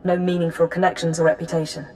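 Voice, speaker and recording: A woman's voice: lowish voice, flat delivery, fast, darkish tone, slight background noise, lightly acted. An actress playing an efficient intelligence handler, clipped and businesslike as she briefs. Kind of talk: scripted game dialogue.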